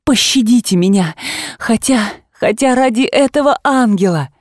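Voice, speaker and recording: A woman reader voicing a remorseful young wife who pleads slowly and tearfully with her husband, rising into high cries. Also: expressive, no echo, studio quality, close to an everyday voice. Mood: desperate. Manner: imploring, slow, breaking into high tearful cries.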